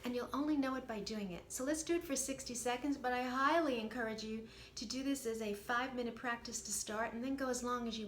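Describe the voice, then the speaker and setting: A woman's voice: on the high side, a little hiss or hum. A woman teaching self-help in an earnest, encouraging way and guiding a short meditation. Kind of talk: motivational talk with guided meditation. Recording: roomy echo, faint background ambience.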